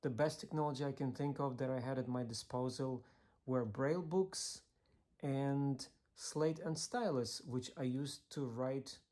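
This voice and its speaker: Earnest man from Ukraine, steady delivery. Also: mid-range voice. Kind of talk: scripted video talk.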